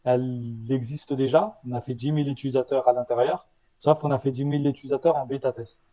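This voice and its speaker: Mellow-voiced man with a slight stutter. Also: medium pitch, steady tone, rough recording. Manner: halting, with restarts and repeated words. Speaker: startup founder guest. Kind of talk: casual interview answers.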